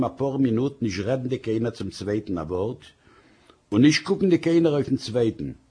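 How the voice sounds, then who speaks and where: A man reading a story aloud in an expressive storytelling manner. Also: medium pitch, breathy edge.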